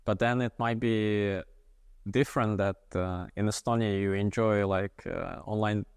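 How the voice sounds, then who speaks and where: A man hosting an interview, asking his questions hesitantly with frequent filler pauses. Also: on the low side, steady tone, gravelly, smooth, no echo, studio quality. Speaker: interview host.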